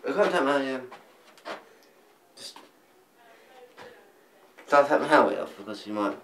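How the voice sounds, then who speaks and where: A man's voice: medium pitch, animated, unhurried, fairly bright tone, slight background noise. A young man chatting casually and joking, trying out funny phrases. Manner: playful, joking. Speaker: cast member. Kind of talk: casual chat.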